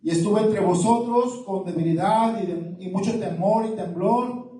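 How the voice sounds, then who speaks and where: A man's voice: high voice, darkish tone, a little hiss or hum. A male pastor, preaching a sermon, reading scripture and putting questions to his congregation. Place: church hall. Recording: echoey hall, far from the mic. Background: congregation responding.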